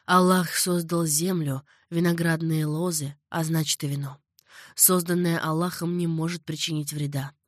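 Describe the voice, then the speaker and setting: A woman voicing a passionate young nobleman who is in love, speaking low, hushed and earnest. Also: steady tone, moderate pace, no room sound, clean studio sound, natural voice. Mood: persuasive.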